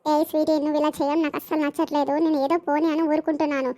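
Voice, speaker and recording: A woman's voice: sits high, flat delivery, racing, warm tone, lightly acted. A woman voicing a stern middle-aged mother, lecturing and scolding. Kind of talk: animated village comedy voicing.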